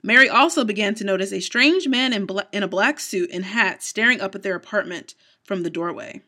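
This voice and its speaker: Bright-voiced woman reading out spooky stories. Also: mid-range voice, a little fast. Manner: narrates from notes with little stumbles and laughs. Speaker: co-host. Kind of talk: casual podcast chat, reading out paranormal stories.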